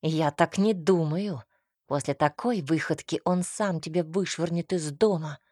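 A woman's voice: deep voice, a little slow, dark tone, slightly rough, no room sound, clean studio sound. A woman voicing a menacing, obsessive young man in an audiobook, speaking in a sugary, venomous, threatening tone. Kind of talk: audiobook character reading.

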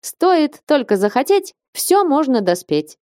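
Woman doing an effusive excitable young merchant. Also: mid-range voice, a little slow, dry recording, clean studio sound, close to an everyday voice. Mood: exuberant. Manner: exclaiming, gushing.

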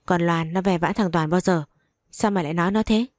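A woman's voice: on the low side, fairly quick, darkish tone, no room sound, clean studio sound, close to an everyday voice. A woman voicing a scheming, scolding older mother-in-law in a storybook reading.

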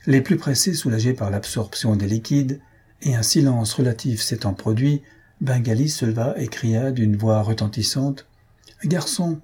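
Dark, husky-voiced male reader. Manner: lively, raises pitch for shouted crowd lines. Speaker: audiobook reader. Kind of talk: storybook narration.

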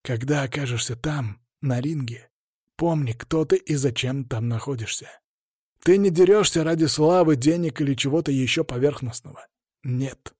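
A man voicing a calm middle-aged boxing coach who speaks earnestly and encouragingly before a fight. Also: medium pitch, moderate pace, slightly rough, no echo, clean studio sound, close to an everyday voice.

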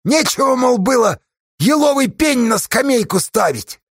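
A stern old village elder , as a male reader puts him on, with a thin, piercing voice pitched well above a normal man's. He lectures and sneers, his voice leaping wildly when he flares up. The storybook reading is dry and close. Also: expressive, slow pace, vocal fry, slightly rough, no echo, heavily acted. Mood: shrill indignant. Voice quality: thin high voice. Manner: preachy, scornful, rising to shrill shouts.

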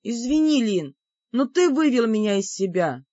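A woman doing a shrill, exasperated young heroine. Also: very animated, moderate pace, mellow, dry recording. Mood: pleading. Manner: high, shrill, pleading. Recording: dull lo-fi dry recording.

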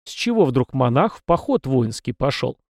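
A man's voice: medium pitch, sing-song, moderate pace, dry recording, clean studio sound. A man reading an audiobook, voicing a brash, proud young male warrior who speaks curtly and with scorn. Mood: blunt. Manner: scornful, curt.

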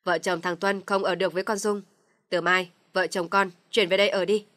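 A woman voicing an older father-in-law who gives loud, commanding orders to his family in an audio story. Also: on the low side, very fast, no echo, lightly acted. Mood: stern commanding.

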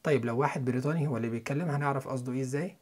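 A young man with an Egyptian Arabic accent, teaching English listening and pronunciation in a quick, chatty way. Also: medium pitch, darkish tone. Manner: quick, chatty lesson delivery with spelled-out letters and repeated example words.

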